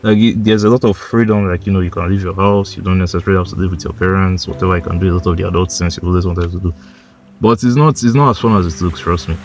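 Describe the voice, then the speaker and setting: Deep-voiced man in his twenties, blunt motivational vlogger, swears freely, repeats himself for emphasis. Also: fairly even intonation, quick pace, darkish tone, slight background noise. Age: 20s. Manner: blunt, swearing, heavy use of "like" and "bro"; insistent, repeats points for emphasis. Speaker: motivational YouTuber. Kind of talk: casual motivational monologue.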